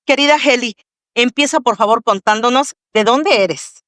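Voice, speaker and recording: A woman with a Mexican accent hosts a faith testimony podcast. She speaks in a fairly high voice with a devout, welcoming manner. The sound is dry and close. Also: normal speed, dry recording. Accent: Mexican Spanish. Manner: warm, devout welcoming address to the audience. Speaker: podcast host.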